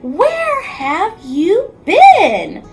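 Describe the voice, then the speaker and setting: Woman as jolly old storybook Santa, hearty, blustering, high-voiced, unhurried, exclamatory. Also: wildly swooping pitch, soft background music, exaggerated voice. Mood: blustering, surprised.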